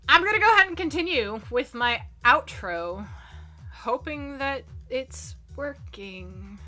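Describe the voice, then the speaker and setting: A chatty woman hosts a live stream and talks through viewer comments in a loose, filler-heavy way. Her voice sits a little high and sounds bright and forceful. Faint music plays behind her. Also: expressive, slow pace. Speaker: livestream entertainment news host. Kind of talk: casual live-stream chat.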